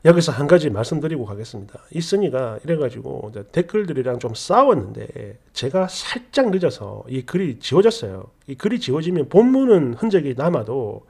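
A woman's voice: a bass voice, very animated, fairly quick, vocal fry, few pauses, a little mellow, breathy edge. A woman narrating an online story in a chatty, indignant storytelling manner. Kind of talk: reading an online story aloud.

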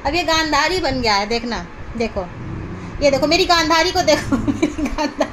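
A woman with a high, bright voice coos and teases her pet dog in a casual home vlog. She slips into playful baby talk. She sounds chatty and affectionate, recorded indoors at home. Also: lively intonation, normal speed, slight background noise. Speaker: pet owner vlogger.

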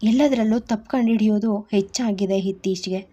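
A woman's voice: mid-range voice, brisk, dark tone, highs cut off, natural voice. A woman voicing a troubled young man who pleads earnestly in a storybook reading.

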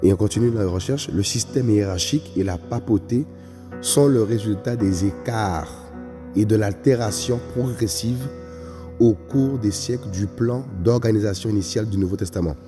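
A man's voice: fairly low pitch, normal speed. Emphatic man preaching in a reverberant hall. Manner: emphatic, repeats "vous voyez, frères et sœurs". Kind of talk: sermon. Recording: long reverb with faint music.

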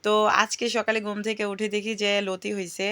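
A chatty woman, recorded outdoors in her home garden on a handheld phone. Her voice is bright and forceful, at an ordinary pitch for a woman. She talks freely, exclaims often, and calls out to her bird. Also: little pitch movement, quick pace, a little hiss or hum. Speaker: vlogger. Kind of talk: casual home vlog.

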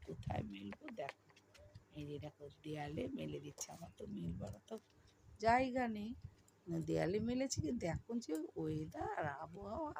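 A middle-aged woman with a Bengali accent and a hoarse voice, chatting to her viewers as she talks over her housework. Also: fairly low pitch, background noise. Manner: chatty, addresses viewers as friends. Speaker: vlogger. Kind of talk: casual voice-over of household chores.

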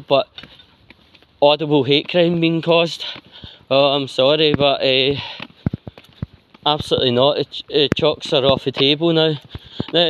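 A Scottish man with a medium-pitched voice films himself on his phone while strolling down a street, delivering a halting, rambling vlog monologue with long pauses mid-sentence. Traffic noise fills the outdoor recording.

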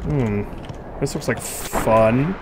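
A man's voice: mid-range voice, very slow, background noise. A man streaming a game live, giving casual, rambling commentary full of "like" fillers and frustrated swearing. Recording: game sounds clearly audible under the voice.

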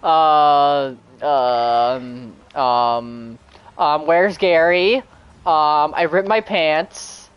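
A woman's voice: deep voice, fairly even intonation, drawn-out words, smooth, highs cut off. A woman streaming a game, chatting casually and teasing her friend. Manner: teasing, playful banter. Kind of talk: casual gaming chat.

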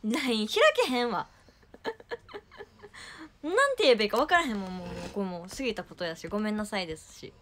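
A woman's voice: mid-range voice, very animated, a bit bright, slight background noise. A young woman from Kumamoto chatting playfully and teasingly on a livestream from home. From Kumamoto, Japan. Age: young adult. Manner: playful, teasing, quick to laugh. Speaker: idol livestreamer. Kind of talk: casual livestream chat.

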